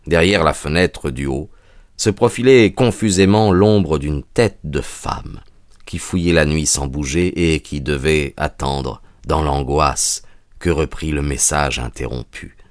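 Deep voiced guy reading an audiobook, measured, dry close sound. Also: no room sound. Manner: measured storytelling. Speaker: narrator. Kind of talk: audiobook narration.

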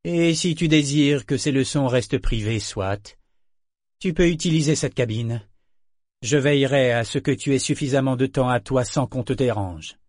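Man as menacing pirate captain, smooth, controlling, a bit louder, storybook reading. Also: medium pitch, normal speed, no echo, clean studio sound, lightly acted.

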